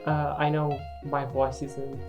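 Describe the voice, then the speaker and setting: A low-voiced woman, not a native English speaker, talks casually over a gaming video with guitar music behind her. She is hesitant and self-deprecating, and her delivery stays quite flat. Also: slow pace. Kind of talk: casual unscripted voice-over commentary.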